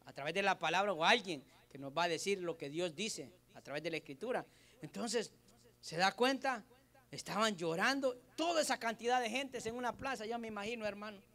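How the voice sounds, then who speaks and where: A man, a pastor preaching a sermon to his congregation, asking them questions and swinging between loud and soft delivery. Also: high voice, brisk. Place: church service.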